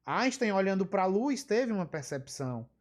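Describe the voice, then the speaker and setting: A woman's voice: mid-range voice, big pitch swings, moderate pace, a little mellow. A woman giving a live online physiology lecture. She explains by repeating key terms, wanders into asides, and throws in emphatic rhetorical questions.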